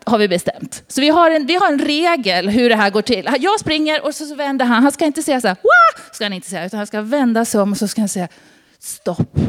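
A woman's voice: a little high, lively intonation, hardly any pauses. A woman from Sweden giving an informal sermon, telling personal stories and asking the congregation questions. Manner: conversational, asks the audience questions. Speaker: preacher.

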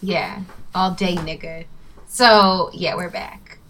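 A woman's voice: on the low side, steady tone, slow, a bit bright. A woman podcast co-host chatting casually in a playful, slangy way, with a cave-like echo from the room she records in. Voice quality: echoey, cave-like room sound. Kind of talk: casual chat. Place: echoey small home dining area used as workspace.

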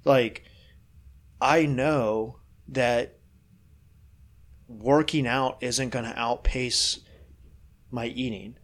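A man's voice: mid-range voice, fairly even intonation, very slow, pauses often, a bit bright. A middle-aged man, a fitness coach, chatting casually on a podcast in a rambling, frank way with lots of fillers and the odd swear.

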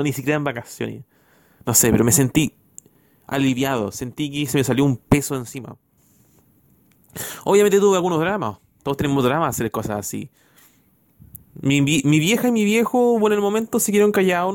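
Young Chilean guy, voice a bit high, chatty storyteller who acts out every quote. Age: young adult. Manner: animated, acts out quotes, slangy. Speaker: student storyteller. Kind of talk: casual storytelling.

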